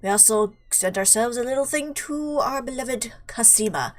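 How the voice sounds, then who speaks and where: A woman with a slightly high voice and a moderate pace chats casually through a video game playthrough, playfully responding to the game. Video game music plays in the background of this let's play.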